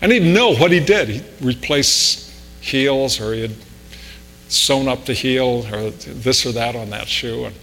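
Male pastor, bright, forceful delivery, sermon in a reverberant church with a faint hum. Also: mid-range voice, unhurried, creaky. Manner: conversational preaching with anecdotes, rising emphasis on key points. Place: church sanctuary. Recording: reverberant hall with mains hum.

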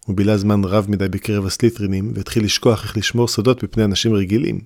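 A man narrating a fantasy story in an audiobook with a steady, measured reading. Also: on the low side, slight background noise. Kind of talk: scripted narration.

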